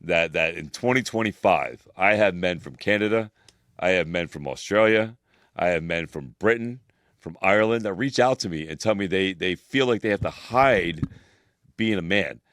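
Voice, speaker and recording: Deep-voiced emphatic man. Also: moderate pace, a bit bright, dry recording, clean studio sound. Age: 40s. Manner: emphatic, preachy, heavy swearing. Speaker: podcast co-host. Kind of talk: casual chat.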